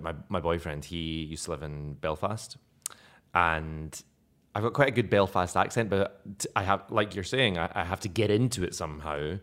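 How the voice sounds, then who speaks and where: A young actor from Scotland with a low-pitched voice chats casually during an interview. He's self-deprecating and laughs a lot.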